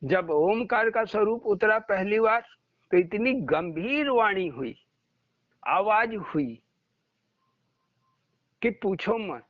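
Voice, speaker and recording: Male spiritual teacher, unhurried storytelling sermon, dry close sound, plays every part in his stories himself. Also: high voice, animated, no echo. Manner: storytelling, acting out quoted dialogue. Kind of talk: devotional satsang talk. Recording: muffled lo-fi recording.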